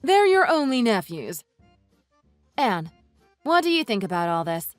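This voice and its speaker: A woman reading the text messages of an older, self-righteous mother-in-law in a slow, scolding way, over soft music. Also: fairly high pitch, big pitch swings, no echo. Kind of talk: read-aloud text-message story. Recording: dry voice with soft music underneath.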